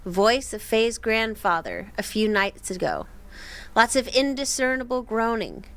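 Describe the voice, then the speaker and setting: Woman host reading spooky stories, unhurried, hushing for the eerie bits. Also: a little high, very animated. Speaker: story reader and host. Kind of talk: reading a horror story aloud.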